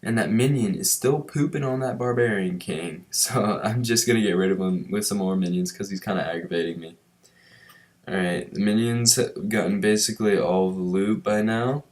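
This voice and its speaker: A young man with a very low voice talks over his gameplay footage. His tone is relaxed and chatty as he walks through each move and offers tips, in the easy style of a home gaming channel. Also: moderate pace. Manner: relaxed, chatty, explains his moves as he plays. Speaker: gaming commentator. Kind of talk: casual gameplay commentary.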